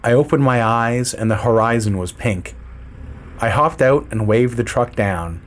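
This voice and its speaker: A man narrating a story in the first person, with a dry, measured, low-key delivery. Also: slight background noise.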